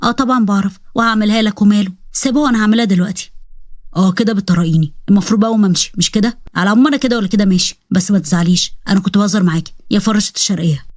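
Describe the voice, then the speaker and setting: A woman's voice: medium pitch, a little mellow, no echo, clean studio sound, close to an everyday voice. Othman, a woman voicing a teasing young shopkeeper. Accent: Egyptian Arabic. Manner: playful teasing, quick banter. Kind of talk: storybook dialogue reading.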